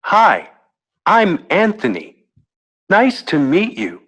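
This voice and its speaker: Friendly young student; textbook audio, clear and deliberate, lively pitch. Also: male voice, heavily acted. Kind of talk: scripted textbook dialogue.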